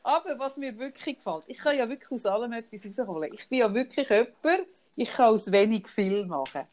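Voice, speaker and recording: A woman's voice: a little high, expressive, a little fast, darkish tone. A woman in her thirties with a Swiss German accent, co-hosting a podcast in casual chat, teasing and laughing often. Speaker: podcast co-host.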